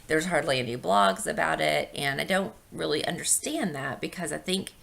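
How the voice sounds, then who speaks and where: Wheezy, low-pitched woman with gravelly croak. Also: expressive, moderate pace, fairly bright tone. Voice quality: wheezy, breathy intake from asthma. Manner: rambling, conversational, explanatory. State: hoarse with a chest infection. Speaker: video blogger. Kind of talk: casual personal vlog.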